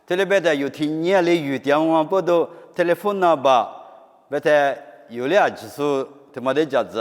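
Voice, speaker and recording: A man preaching a sermon with emphatic delivery, rising to loud high stresses and dropping to low quiet phrases. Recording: long hall reverb.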